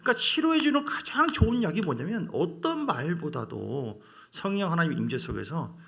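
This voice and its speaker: A middle-aged male pastor preaching a sermon, swinging from quiet passages to loud exclamations. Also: on the high side, very animated, brisk, gravelly.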